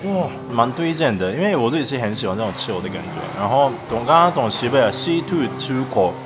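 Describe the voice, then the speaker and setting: A man's voice: mid-range voice, sing-song, fairly quick, music in the background. A young man from Japan, a native Japanese speaker, chatting casually in Japanese-accented Mandarin as a vlogger. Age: young adult. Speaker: travel and food vlogger. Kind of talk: casual vlog chat.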